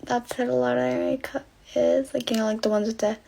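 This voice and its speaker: Brief: young woman, GRWM storytime, bright high voice, breathless "like"-laden gushing. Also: steady tone, fairly quick, creaky, rough recording. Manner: gushing, filler-heavy valley-girl chatter. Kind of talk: get-ready-with-me storytime.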